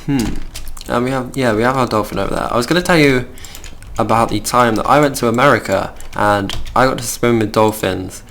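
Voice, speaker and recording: A man's voice: medium pitch, a little fast, creaky, a bit bright, slight background noise. A young man from the middle of England with a Midlands accent, chatting casually and rambling as he plays and hosts a game video. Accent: Midlands English. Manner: chatty, rambling, easily distracted. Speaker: gaming channel host.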